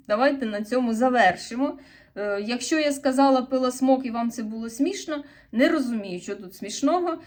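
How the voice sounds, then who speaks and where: A vlogger from eastern Ukraine, speaking with a Sumy regional accent, talks casually to the camera, wandering and correcting herself while earnestly, somewhat defensively, responding to comments. Her voice is fairly high and moves at a moderate pace.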